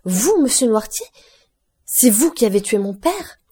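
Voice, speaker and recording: A woman's voice: mid-range voice, fairly quick, mellow, lightly acted. A woman reading an audiobook voices a young man, an anguished son pleading urgently to learn who killed his father. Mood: shocked. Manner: pleading, urgent, rising intensity.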